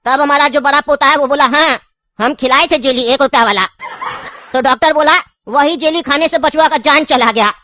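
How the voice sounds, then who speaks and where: A woman's voice: high voice, normal speed, pushed and bright, no room sound. A woman voicing a pushy old cartoon grandpa. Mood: storytelling. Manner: coaxing, insistent, chuckling. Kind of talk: cartoon voice acting.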